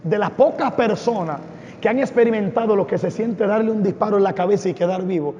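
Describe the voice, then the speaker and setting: A man's voice: high voice, a little fast, dark tone, slight background noise. A man giving a fervent, dramatic testimony from a church stage. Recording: echoey hall, dull lo-fi sound.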